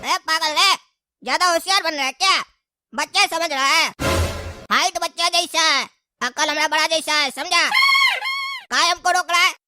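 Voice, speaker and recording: A woman's voice: extremely high pitch, normal speed, long pauses, bright, forceful tone, soft background music, exaggerated voice. A woman voicing a cheeky, short cartoon man who talks in a cocky, bossy way. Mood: defiant. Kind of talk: cartoon comedy voice acting.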